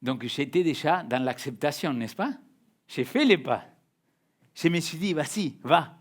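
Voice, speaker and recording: A young adult man preaching a sermon as a pastor, speaking French with a non-native accent, emphatic, swinging between loud and hushed, repeating words. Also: fairly high pitch, animated, a little slow.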